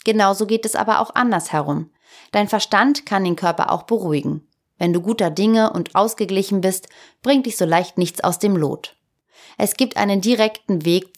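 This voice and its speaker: A woman hosting a podcast, reading a prepared text in a calm, measured and soothing way. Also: mid-range voice. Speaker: podcast host. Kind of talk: scripted narration.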